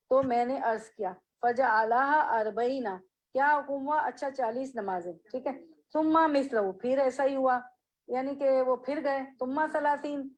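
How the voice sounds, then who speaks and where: A woman leads a hadith class. Her voice sits fairly high, and she reads each Arabic phrase slowly before explaining it and checking her listeners with questions. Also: low-quality recording. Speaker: religious teacher.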